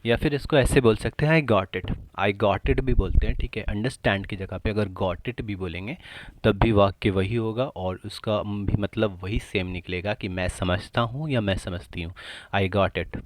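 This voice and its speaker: A man with an Indian accent teaching spoken English, repeating each phrase slowly for learners to practice. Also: lowish voice, slight background noise. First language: Hindi.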